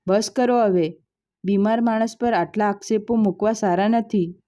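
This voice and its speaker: A woman voicing a calm, caring older father who speaks gently, in a storybook reading. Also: mid-range voice, normal speed, natural voice.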